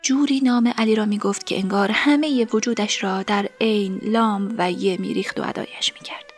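A woman narrating a story in the first person, softly and emotionally, in a breathy, whispery voice. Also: mid-range voice, steady tone, soft background music. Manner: soft, emotional, tearful storytelling.

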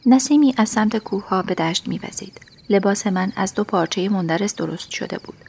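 A woman reading a first-person story aloud as an audiobook, in a soft delivery that often drops to a half-whisper. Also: medium pitch, vocal fry, breathy edge. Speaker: audiobook narrator.

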